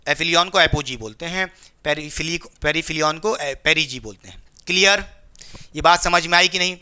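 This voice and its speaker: A man's voice: fairly high pitch, normal speed, pushed and bright, clear, resonant tone. A male physics teacher giving a classroom lecture, asking his students questions and answering them himself in a playful call-and-response way.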